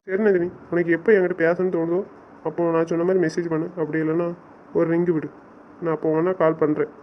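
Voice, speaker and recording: Man doing an exasperated young fiancé, high-ish voice, quick talk, dull lo-fi sound. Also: little pitch movement, lightly acted. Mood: frustrated. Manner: coaxing, reasoning, exasperated. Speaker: voice actor. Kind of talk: audio drama acting. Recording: dull lo-fi sound with faint noise.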